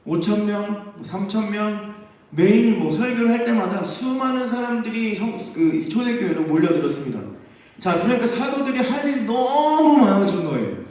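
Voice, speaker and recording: A young man preaching to a youth group, telling the story lively and acting out the voices of the people in it. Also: sits high, normal speed. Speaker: youth pastor. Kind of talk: youth sermon. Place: church sanctuary. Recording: echoey church hall, distant mic.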